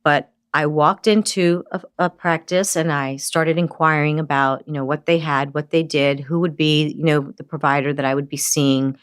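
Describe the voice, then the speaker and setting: A middle-aged woman, a nurse in aesthetic medicine, telling her career story as a podcast guest in a lively way, acting out the people she quotes. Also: low-pitched, moderate pace, hardly any pauses, smooth, no room sound, clean studio sound. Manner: lively storyteller who acts out quoted dialogue. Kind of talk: casual interview storytelling. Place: podcast studio.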